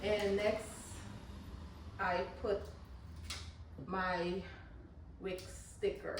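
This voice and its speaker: A Guyanese woman with a Guyanese accent casually demonstrates candle making in her home garage, chatting and loosely repeating herself as she works. Her mid-range voice has little pitch movement and drawn-out words. The mic is far off in the echoey garage, with passing cars, lawn mowing and other noise behind.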